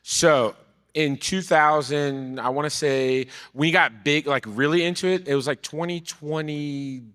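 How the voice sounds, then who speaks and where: A man in his thirties from Brazil, telling his story as a podcast guest in relaxed, casual talk that trails off quietly. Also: on the high side, a little slow, smooth. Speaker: podcast guest, card vendor. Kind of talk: casual chat. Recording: live event hall with long reverb.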